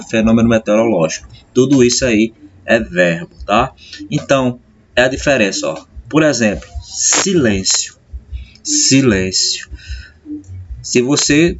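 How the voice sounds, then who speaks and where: A Brazilian man teaches a grammar lesson at a mid pitch, in a patient explaining voice that keeps checking in with his students. He draws the key terms out slowly and hurries through his side remarks. The recording is somewhat dull and lo-fi, with a faint hiss underneath. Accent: Brazilian Portuguese.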